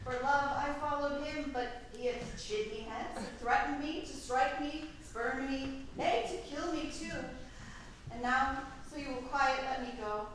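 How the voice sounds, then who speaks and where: Woman acting a bright, high-voiced, wounded Helena onstage. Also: a little slow. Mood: sad, resigned. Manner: theatrical, pleading, projected stage delivery. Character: tall, timid, wounded young Athenian woman in love. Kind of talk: staged reading of Shakespearean comedy. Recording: echoey room from far off, faint noise.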